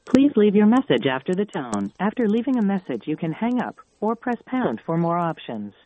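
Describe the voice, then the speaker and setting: A recorded woman's voice giving a voicemail prompt, heard over a tinny landline phone line. Her measured system-announcement delivery still rises and falls in a lively way. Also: fairly low pitch.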